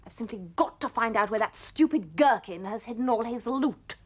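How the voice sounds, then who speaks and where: An actress playing a scheming, impatient female witch in a children's TV comedy, with a snappish, imperious, scolding manner and a husky voice. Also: on the high side, lively intonation, moderate pace. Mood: bossy. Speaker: villain.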